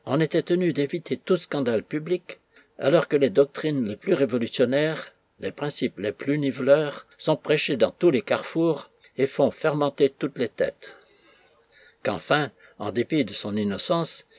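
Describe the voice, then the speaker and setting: A man voicing a smooth, placating aristocrat's envoy who pleads in measured, persuasive tones. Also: mid-range voice, darkish tone, no echo.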